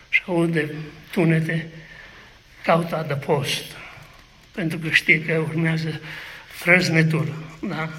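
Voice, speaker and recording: A man's voice: on the high side, a bit bright, slight background noise, low-quality recording. A man preaching a sermon, asking rhetorical questions and speaking aloud to God.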